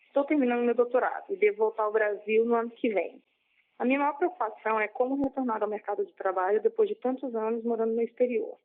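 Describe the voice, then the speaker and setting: A woman's voice: a little high, fast talker. A woman in her thirties from Brazil, asking a prepared question as a viewer. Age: 30s. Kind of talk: recorded video question. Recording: tinny phone-like line.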